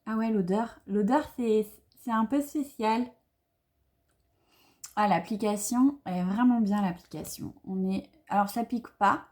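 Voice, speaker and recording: Unboxing beauty products on camera, a young woman talks in an unhurried, medium-pitched voice with a somewhat dark tone. She's an enthusiastic beauty vlogger whose casual chat uses lots of fillers.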